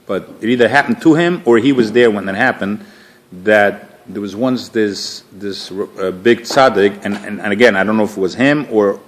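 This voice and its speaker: A man teaching a relaxed religious class, telling stories in a conversational way with frequent restarts and fillers. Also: on the low side. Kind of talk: informal religious class talk.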